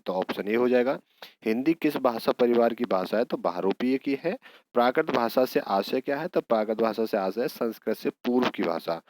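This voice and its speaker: A man's voice: mid-range voice, darkish tone, low-quality recording. A man teaching an exam prep lesson, working through each question step by step and answering his own prompts.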